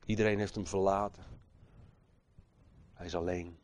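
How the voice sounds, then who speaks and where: A deep-voiced man keeps a steady tone while preaching a fervent sermon. He moves from soft, slow phrasing to loud bursts of emphasis and asks his listeners rhetorical questions.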